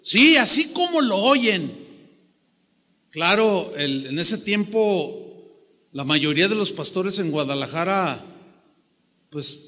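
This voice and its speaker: A man with a Mexican Spanish accent preaching a sermon as pastor, animated, acting out the voices he quotes. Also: high voice, takes it slowly, long pauses, long reverb tail.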